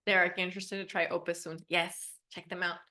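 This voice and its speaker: A woman's voice: on the low side, level tone, fairly quick, sharp tone. A woman teaches an online class in an informal, upbeat, chatty way. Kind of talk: casual live software demo. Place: online video class with screen share.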